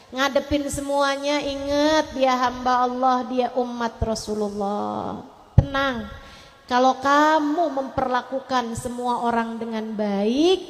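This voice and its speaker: A woman Islamic preacher, giving a sermon in an animated, pleading manner. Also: on the high side. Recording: echoey hall reverb.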